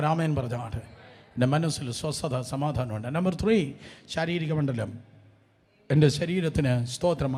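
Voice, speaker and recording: High-pitched Malayali preacher calling out to his congregation. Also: darkish tone. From Kerala, India. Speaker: pastor. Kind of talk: sermon.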